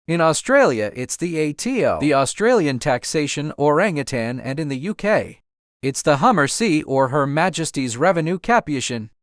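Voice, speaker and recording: A man with a somewhat high-pitched voice narrates a comedic explainer video. He keeps up a jokey delivery and often slips into mock-simple broken grammar. The sound is dry, with no room echo. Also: big pitch swings, moderate pace.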